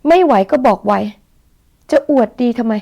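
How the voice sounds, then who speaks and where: A woman's voice: fairly high pitch, normal speed, mellow. A woman reading a brusque young man who snaps and scolds while looking after someone, in a romance audiobook. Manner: snapping, impatient.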